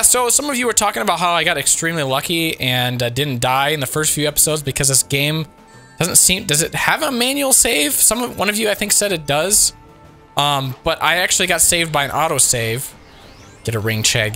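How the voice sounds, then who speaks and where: Sick guy doing game commentary, voice kinda off, bright and jumpy, yelps at everything. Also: on the high side, a little fast, soft background music. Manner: excitable, reactive, frequent exclamations and chuckles. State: sick, voice not fully recovered. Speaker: let's play host. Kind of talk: casual gameplay commentary.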